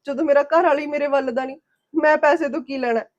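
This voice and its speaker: A woman's voice: sits high, fairly even intonation, fast, dull audio, lightly acted. A woman playing a tearful betrayed wife. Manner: pleading, sharp-tongued toward husband. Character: young wife betrayed by husband, hurt and bitter. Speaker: wronged first wife.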